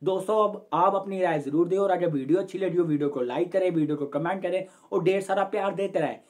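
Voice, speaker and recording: A man's voice: high-pitched, quick pace, darkish tone. A young man hosting his own sports channel, giving a chatty, casual match analysis straight to camera from a room at home and calling his viewers friends. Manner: gestures with hands while explaining.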